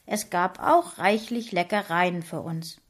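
A woman's voice: lowish voice, unhurried. Woman telling a storybook tale. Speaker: audiobook narrator. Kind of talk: scripted narration of a children's story told by a dog.

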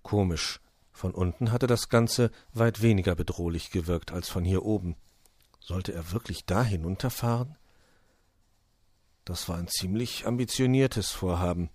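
A man reading a children's story aloud in an expressive, lively manner. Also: deep voice, measured pace, no room sound, studio quality. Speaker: narrator.

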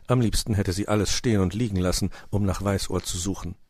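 A man narrating a children's storybook in a calm, low-key way. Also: quick pace, no room sound, clean studio sound.

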